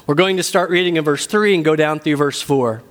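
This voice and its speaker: A man's voice: on the high side, fairly quick, fairly bright tone. A man giving an earnest sermon as pastor, speaking at a pulpit microphone and repeating key phrases for emphasis. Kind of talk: sermon teaching.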